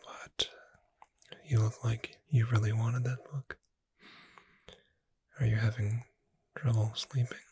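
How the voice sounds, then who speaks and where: Here the performer again voices the kindly witch bookseller of an ASMR roleplay, unhurried and softly wry in a breathy, near-whispered delivery. A mid-range voice keeps a steady tone, sounding gentle and persuasive.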